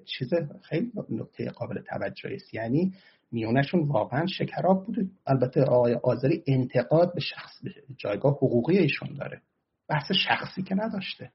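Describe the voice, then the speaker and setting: A man's voice: mid-range voice, vocal fry, breathy edge, lo-fi sound. A man giving argumentative political commentary and answering audience questions, often turning heated and emphatic.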